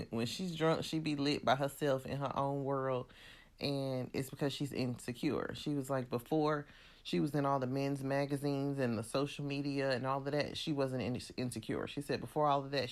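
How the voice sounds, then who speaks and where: A chatty recap host retells a reality TV episode in a casual, opinionated, loose conversational way, peppering it with "like" and "you know." The voice is medium-pitched with fairly even intonation at a normal speed.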